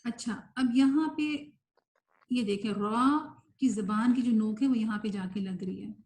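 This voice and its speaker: A woman with a Pakistani Urdu accent teaching Quran pronunciation, explaining patiently and modelling slow drawn-out examples. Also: fairly high pitch, darkish tone. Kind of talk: recorded online tajweed lesson.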